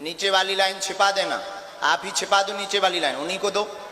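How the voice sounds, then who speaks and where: A man preaching from a stage who scolds and commands, swinging between loud declarations and low muttering. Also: brisk, roomy sound, long reverb tail. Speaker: spiritual preacher holding court. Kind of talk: stage exchange before a crowd. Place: large hall with a stage.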